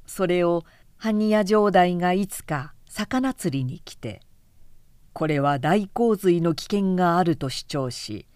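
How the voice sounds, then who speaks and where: A woman narrating a period novel as an audiobook in a calm, measured way. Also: fairly low pitch, clean tone, no echo, clean studio sound.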